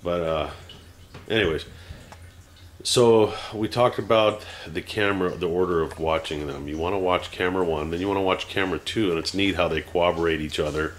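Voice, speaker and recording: Teary-eyed and increasingly heated, a man in his forties rants off the cuff to his camera at home as a vlogger, full of fillers and restarts. His voice sits low with fairly even intonation and a brisk pace, with slight background noise.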